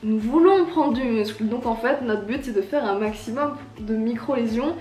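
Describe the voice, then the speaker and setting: A woman with a slightly rough morning voice, chatting casually to camera as a fitness vlogger in an informal, self-mocking, emphatic way. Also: fairly high pitch, moderate pace, mellow, soft background music. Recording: roomy echo.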